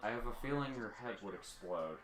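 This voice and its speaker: A man's voice: on the low side, expressive, fairly quick, over music. A man chatting casually and joking while reacting to a game showcase, tossing in silly bits. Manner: joking, plays silly robot voices in bits. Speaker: reaction co-host.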